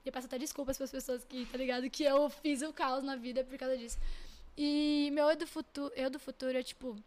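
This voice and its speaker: A woman's voice: high voice, steady tone, fairly quick, a little mellow. A young woman, a podcast guest, talking in an emotional, rambling way and close to tears. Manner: tearful, rambling and self-teasing. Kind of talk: emotional casual chat.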